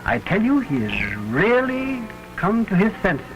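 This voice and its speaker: A man's voice: high voice, wildly swooping pitch, measured pace, a bit bright, soft background music, full character voice. An actor in an early talkie film playing a dignified, determined middle-aged banker father with formal, emphatic diction, on a crackly old soundtrack. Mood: insistent.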